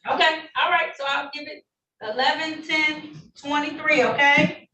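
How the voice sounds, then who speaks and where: Woman judge, high voice, formal yet friendly, courtroom recording, echoey and distant. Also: steady tone, measured pace, bright, forceful tone. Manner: formal yet friendly, reads charges and rulings. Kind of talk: presiding over traffic court hearings. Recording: roomy, distant courtroom recording with faint noise.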